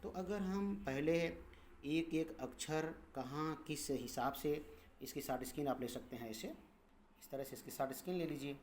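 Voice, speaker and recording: A man's voice: on the high side, a little mellow, a little hiss or hum. A man teaching English pronunciation as a patient teacher, repeating each word and its meaning. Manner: patient, repeats words and meanings, drawn-out vowels. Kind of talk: slow explanatory lesson.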